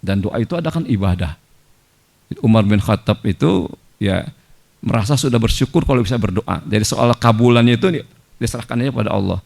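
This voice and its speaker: A man's voice: fairly low pitch, lively intonation, fairly quick, creaky, a little mellow. A man giving a conversational sermon in a mosque, mixing in Arabic quotations. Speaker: preacher.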